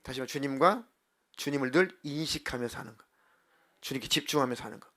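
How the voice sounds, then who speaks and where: A male pastor preaching a sermon in church, acting out heartfelt prayers and swinging from soft to loud. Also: mid-range voice, fairly quick. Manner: acts out prayers and inner voices with big swings in loudness. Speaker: senior pastor. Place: church sanctuary.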